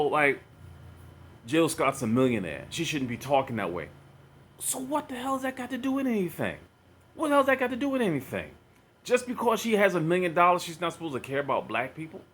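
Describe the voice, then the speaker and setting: A man's voice: a little high, a bit bright. A man giving casual reaction commentary, rambling and repeating himself with many fillers.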